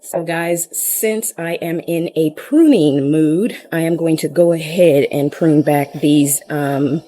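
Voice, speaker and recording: A gardening vlogger rambles casually outdoors among her plants, using fillers and sounding winded, captured by a camera placed nearby. She speaks slowly in a deep, mellow voice. The recording is dry and low in quality.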